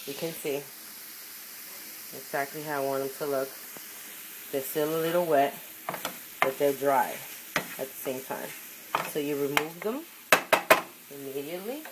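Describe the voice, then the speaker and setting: A woman's voice: extremely low pitch, fairly even intonation, a little slow, long pauses. A woman giving a casual, chatty cooking demonstration at the stove, encouraging and often repeating short phrases as she works. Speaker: home cook hosting a cooking video. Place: home kitchen at the stove. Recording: noisy kitchen with sizzling and pan clatter. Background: sizzling, stirring, clinking pans.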